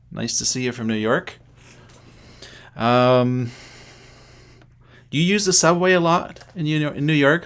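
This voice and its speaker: A middle-aged man from Canada talks casually at an ordinary, mid-range pitch. He hosts a livestream from a home setup, greeting viewers by name and thinking aloud while he fiddles with settings. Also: a bit bright. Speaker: livestream host.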